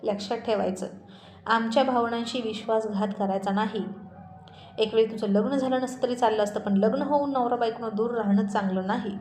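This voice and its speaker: A woman voicing a wise, caring mother-in-law who speaks calmly but firmly. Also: on the high side, fairly quick, slight background noise, lightly acted. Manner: calm, firm, admonishing. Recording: roomy echoey recording.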